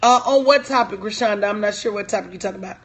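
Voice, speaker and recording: A husky-voiced woman in her forties talks fast at a medium pitch. She's a business coach on a live stream, answering viewer comments in a casual, direct way, emphatic and prone to repeating herself.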